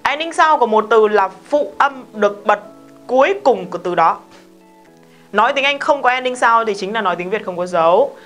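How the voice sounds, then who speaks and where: Picture a woman, leading a relaxed English lesson. She talks straight to her students, stressing her points and checking in with quick questions. Faint music plays softly behind her. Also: fairly high pitch. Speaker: English teacher. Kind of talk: casual spoken lesson.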